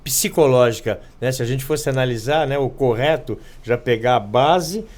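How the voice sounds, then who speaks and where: A man hosting a podcast, talking in halting bursts with restarted words and frequent tag questions. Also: mid-range voice, darkish tone. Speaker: podcast host and physiologist. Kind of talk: casual podcast interview.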